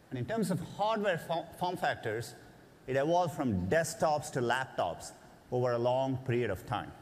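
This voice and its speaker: Earnest man giving a stage keynote. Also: medium pitch. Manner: measured, earnest, with occasional "uh" fillers. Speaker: keynote presenter. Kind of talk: keynote speech. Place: large conference stage before an audience. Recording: long hall reverb.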